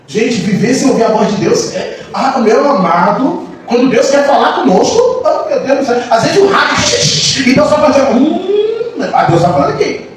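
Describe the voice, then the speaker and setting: A man, a pastor, preaching a sermon with passion, moving between soft lines and shouts. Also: very high voice, lively intonation, brisk, a crowd in the background. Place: church hall. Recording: echoey church hall, mic far off, faint noise.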